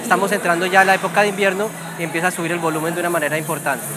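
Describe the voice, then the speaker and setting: A man's voice: high-pitched, little pitch movement, racing. A man with a Colombian accent explaining things in an interview as a cattle auction representative. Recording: loud music and crowd noise behind. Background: loud music, crowd.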